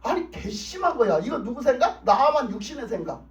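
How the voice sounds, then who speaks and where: A man's voice: extremely high pitch, sing-song, brisk. A man preaching a revival sermon in an emphatic, repetitive, colloquial way in a church. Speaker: pastor. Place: church sanctuary. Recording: roomy dull sound, mic at a distance.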